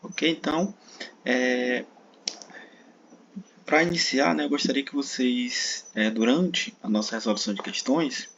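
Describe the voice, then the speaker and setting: Male teacher with a Brazilian accent, mid-pitched and gravelly, patient and explanatory; slightly muffled sound. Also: measured pace, long pauses, fairly bright tone, a little hiss or hum. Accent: Brazilian Portuguese. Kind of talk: exam-prep video lesson. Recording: dull sound with faint crickets.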